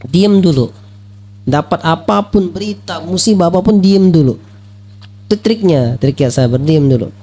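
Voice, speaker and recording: Guy preaching at a study lecture, kinda high voice but rough and gravelly, lively, keeps asking questions. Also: normal speed. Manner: lively, asks rhetorical questions and acts out quoted voices. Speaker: Islamic preacher.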